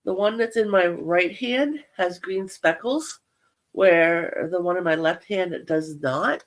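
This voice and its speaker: A middle-aged woman with a head cold that makes her nasal shows off her knitting as a yarn crafting vlogger. She chats casually and rambles a little, poking fun at herself in a show-and-tell style. Her voice is fairly low and slow.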